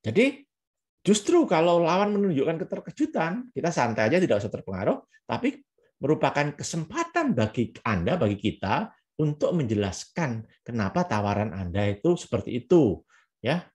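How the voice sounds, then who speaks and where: A man's voice: fairly high pitch, big pitch swings, normal speed, a little mellow. A man with an Indonesian accent explaining a negotiation tactic in a lesson, repeating key phrases and acting out surprised exclamations. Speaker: negotiation trainer.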